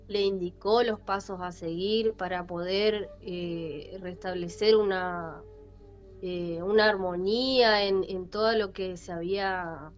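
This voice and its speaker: Animated Rioplatense woman telling a story. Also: lowish voice, takes it slowly. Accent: Rioplatense Spanish. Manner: animated, repetitive, with many fillers. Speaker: podcast host. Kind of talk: casual storytelling. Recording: lo-fi with faint music.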